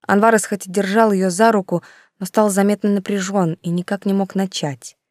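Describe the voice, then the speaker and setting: A woman reading a romance novel aloud in an even storytelling style. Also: mid-range voice, moderate pace, no echo, studio quality. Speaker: audiobook narrator. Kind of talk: scripted narration.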